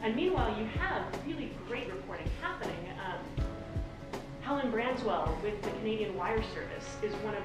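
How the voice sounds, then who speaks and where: American woman, rushed talk in echoey hall. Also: medium pitch. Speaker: speaker giving a lightning talk. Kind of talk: informal conference talk. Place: echoey presentation room. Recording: echoey hall, distant pickup, music flagged behind.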